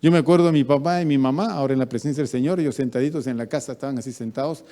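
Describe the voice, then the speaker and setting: Peruvian male preacher, animated storytelling delivery, warm low tone, long church reverb. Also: rapid-fire. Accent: Peruvian Spanish. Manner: animated preaching with acted-out anecdotes. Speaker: pastor. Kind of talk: sermon.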